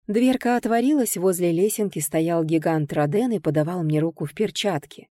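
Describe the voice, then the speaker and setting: Dark-voiced woman narrating an audiobook. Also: lowish voice, moderate pace, no room sound, studio quality. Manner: lively, expressive storytelling. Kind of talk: first-person scripted audiobook narration.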